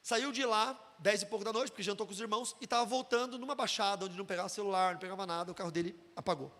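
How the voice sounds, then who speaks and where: A Brazilian man preaches at a brisk clip in a high, bright voice, lively as he acts out the people in his stories. His voice rings with the long reverb of a hall. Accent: Brazilian Portuguese. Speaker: pastor teaching a deliverance seminar. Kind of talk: sermon-style teaching with told stories.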